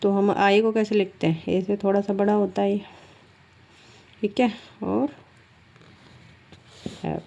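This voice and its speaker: Speaking in a dark, mid-range voice with vocal fry, a woman guides students through shorthand one step at a time, asking them questions and then supplying the answers herself. She stretches her words out while writing. The recording sounds muffled.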